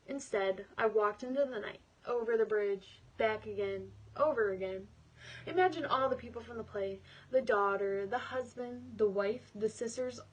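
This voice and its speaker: A woman's voice: fairly high pitch, fairly bright tone, slightly rough, poor audio. A woman performing a dramatic monologue as a fed-up, passionate woman seeking freedom, speaking earnestly in short, emphatic phrases. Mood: wistful, wondering. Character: fed-up wife, passionate and newly liberated, confiding.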